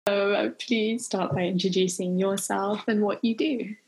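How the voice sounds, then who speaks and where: A woman's voice: mid-range voice, fairly even intonation, moderate pace, darkish tone. A young woman in her twenties hosting a casual podcast, speaking in a chatty way with lots of "like" and easy laughter. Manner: chatty, many "like" fillers, laughs easily. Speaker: podcast host.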